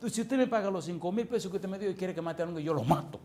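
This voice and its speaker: A man's voice: medium pitch, racing, creaky, a little mellow, natural voice. A man voicing a humble male street sweeper who is eager to please, pleading and tearful while telling a story in a sermon.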